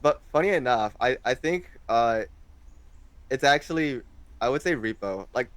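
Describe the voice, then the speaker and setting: A man's voice: mid-range voice, animated, normal speed, clear, resonant tone, no echo. A young man in his twenties, chatting casually as an interview guest, hesitant and full of fillers. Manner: hesitant, rambling with many fillers.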